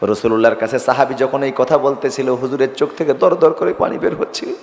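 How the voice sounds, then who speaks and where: A male preacher telling a story in an impassioned sermon, with a sing-song delivery that climbs to loud emotional peaks. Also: medium pitch, brisk. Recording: echoey hall with long reverb.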